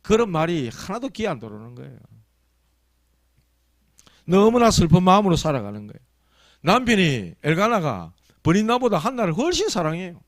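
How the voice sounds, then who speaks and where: A man's voice: high voice, sing-song, brisk, pauses often, dry recording. A man preaching a Sunday sermon as pastor, telling stories in a colloquial, emphatic way. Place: church.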